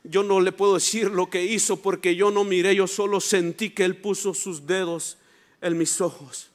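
A man's voice: sits high, steady tone, moderate pace, close to an everyday voice. A man voicing a grateful formerly blind man in a sermon retelling, telling his story earnestly. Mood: awed.

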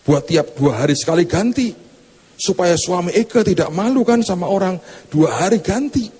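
A man's voice: high voice, animated, moderate pace, a little mellow, slightly rough, voice pushed up, full character voice. A man voicing a boastful rich woman churchgoer who brags chattily about her shopping trip. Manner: showy, name-dropping, chatty boasting. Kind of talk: comic sermon anecdote.

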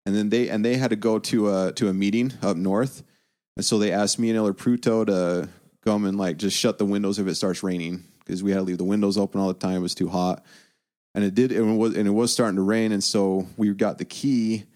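A man's voice: fairly low pitch, steady tone, fairly quick, darkish tone. A young man casually telling stories about his mission, laughing often as he talks. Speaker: guest. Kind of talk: casual storytelling.

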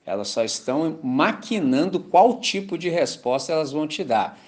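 This pastor, whose voice sits on the high side, preaches at a church service at normal speed with a Brazilian Portuguese accent. His sermon is conversational, slangy and animated, and he keeps asking "entendeu?" to check his listeners are with him.

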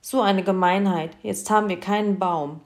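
A woman's voice: medium pitch, fairly even intonation, moderate pace, a little mellow, lightly acted. A woman voicing a worried young girl in a children's story.

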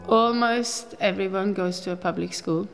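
There's faint music behind this medium-pitched voice with vocal fry, which moves at a normal speed. It belongs to a woman in her fifties from Norway who, with a Norwegian accent, tells stories chattily in a casual interview, often restarting and laughing.

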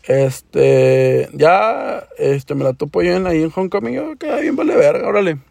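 Here the young podcaster, northern Mexican border accent intact, talks casually through stories with profanity and Chicano-flavored English, voicing the dialogue himself. He sounds a little high, expressive, creaky and darkish, speaking a little slowly in clean studio sound with no room sound.

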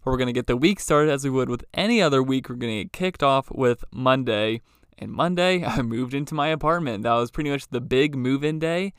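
A man's voice: mid-range voice, fairly quick, clear, resonant tone, no echo, clean studio sound. A young man talking casually as a solo podcast host, rambling informally, recorded in a closet. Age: young adult. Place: small clothes closet, indoors.

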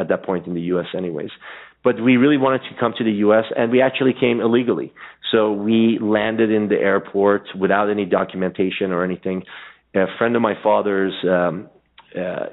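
Lower-voiced man on a tinny phone line. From Iran. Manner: rambling, full of fillers and restarts. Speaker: guest. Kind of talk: casual storytelling interview.

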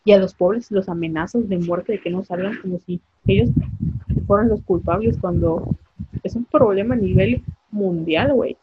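A woman's voice: medium pitch, normal speed, highs cut off, slight background noise. A young woman, co-hosting a podcast in casual chat, talking in a blunt, impassioned way with casual swearing. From Mérida, Yucatán, Mexico. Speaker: podcast co-host.

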